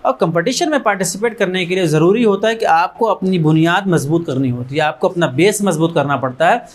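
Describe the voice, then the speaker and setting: Guy with a pretty high voice giving students a pep talk, earnest, keeps repeating short phrases. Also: fairly quick. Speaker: founder of an education trust addressing students. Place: learning centre room with students and teachers.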